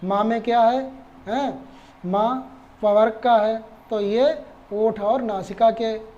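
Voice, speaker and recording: एक पुरुष शिक्षक जो धैर्य से पाठ समझाता है, बातें दोहराता है और खुद से सवाल पूछता है।. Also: male voice, high voice, steady tone, takes it slowly, dark tone, dull audio. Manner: patient, repeats points and asks rhetorical questions. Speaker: Sanskrit teacher. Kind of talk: explaining lesson.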